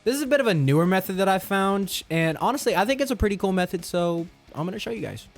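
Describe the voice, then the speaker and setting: A man's voice: high-pitched, expressive, fast, faint music behind. A man giving a casual, informal, encouraging lesson to viewers as a vocal coach. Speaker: vocal coach in metal screaming. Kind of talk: casual instructional talk to viewers.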